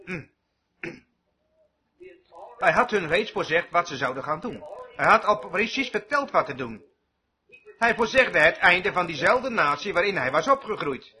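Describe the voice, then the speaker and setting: A man's voice: high voice, very animated, moderate pace, bright, forceful tone. A man preaching a sermon emphatically, often checking whether his listeners follow him. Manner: emphatic, asks the audience questions.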